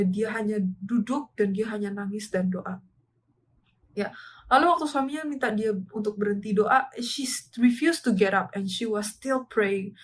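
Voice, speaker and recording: A woman sharing a sermon at church. She talks earnestly, switches languages mid-sentence and keeps affirming her points with a quick "ya". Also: medium pitch, slight background noise, rough recording. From Indonesia. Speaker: church speaker.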